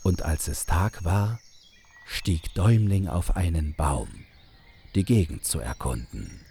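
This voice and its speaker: A man tells a fairy tale in a very deep, soft, dark voice, expressive throughout. Like a measured storyteller, he lingers over every phrase. Faint noise sits in the background.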